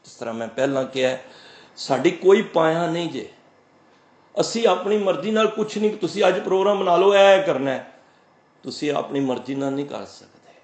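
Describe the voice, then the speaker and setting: A man giving a sermon on scripture. He recites the verses slowly, then explains them and answers his own questions. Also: fairly high pitch, expressive, a little mellow, roomy sound. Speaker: Sikh preacher. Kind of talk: scripture exposition.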